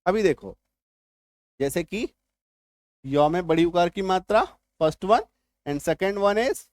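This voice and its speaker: A man teaching English spelling and pronunciation in Hindi, going slowly, repeating words and often checking whether his viewers understood. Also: high-pitched, animated, a little mellow, no echo. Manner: slow and repetitive, often checking that viewers follow. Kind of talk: spoken Hindi spelling lesson.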